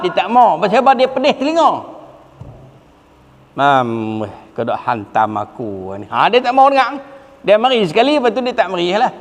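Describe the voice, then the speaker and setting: High-voiced preacher in a hall. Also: male voice. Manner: lively, rhetorical questions, breaks into quoted Arabic. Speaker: religious teacher. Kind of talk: sermon. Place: religious hall.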